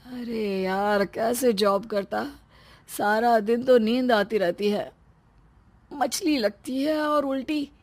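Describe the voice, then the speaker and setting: A woman's voice: fairly high pitch, slow. A woman voicing a young husband who is pregnant, whiny, fearful and always complaining. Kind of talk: storybook voice acting.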